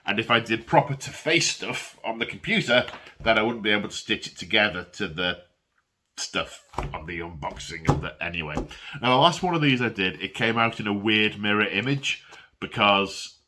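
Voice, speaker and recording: A miniature wargaming hobby channel host with a lowish, bright, forceful voice and lively intonation talks briskly through a casual unboxing vlog despite a cold and coughing. He rambles and restarts with self-deprecating asides. It's recorded on a phone camera with a little hiss or hum.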